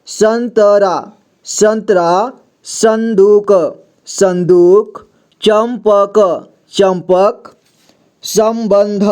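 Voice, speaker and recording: A man's voice: sits high, a little mellow. A man teaching children to read, saying each word twice and breaking it down sound by sound in a patient step-by-step lesson. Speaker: Hindi reading teacher. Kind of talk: slow spelling-out reading lesson.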